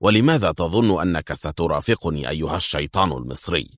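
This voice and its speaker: A man voicing a cunning Soviet officer who speaks quietly, sternly and with cold threat. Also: extremely low pitch, animated, fast, no echo, clean studio sound. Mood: cold menace.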